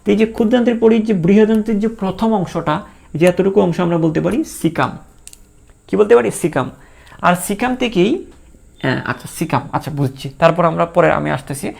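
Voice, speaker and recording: A man with a strongly gravelly voice gives a biology lesson to students. He drills terms by repeating them, asks questions and answers them himself, and voices the questions students might ask. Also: high-pitched, brisk, a little mellow. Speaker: teacher. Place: recorded for an online lecture.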